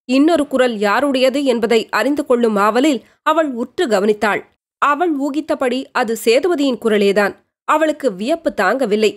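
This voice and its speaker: A woman reads a novel aloud for an audiobook in a steady, measured way. Her voice sits fairly high. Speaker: audiobook narrator. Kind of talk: scripted novel narration.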